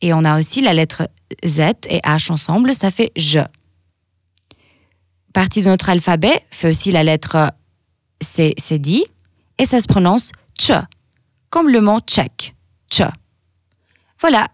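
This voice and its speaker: Woman from Albania, language podcast host, lowish voice, dry close sound, careful letter-by-letter delivery. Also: animated, no room sound. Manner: slow, careful letter-by-letter pronunciation. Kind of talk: scripted podcast lesson.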